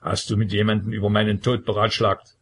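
A man voicing a stern older tsar who questions his son firmly, in a husky, creaky voice. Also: on the low side, little pitch movement, brisk. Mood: probing.

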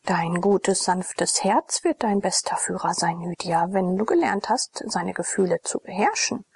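A woman voicing a gentle young Athenian man who acts as a fatherly mentor, in a whispered role-play with a calm, low whisper. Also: a little slow, vocal fry, slightly rough, dry recording, exaggerated voice. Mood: admonishing.

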